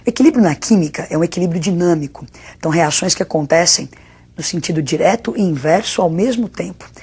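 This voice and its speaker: A woman's voice: fairly low pitch, lively intonation, quick pace, a little mellow, breathy edge. A Brazilian woman teacher giving a spoken video lesson in a didactic way, with rhetorical questions and check-in tags. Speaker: chemistry teacher.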